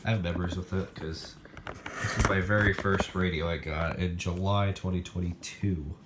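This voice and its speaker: Indoors, a man with a low voice and fairly even intonation talks at normal speed while handling the radios in his weather radio collection. It's an unscripted, casual show-and-tell where he rambles and thinks aloud, recorded in an echoey room with loud noise in the background.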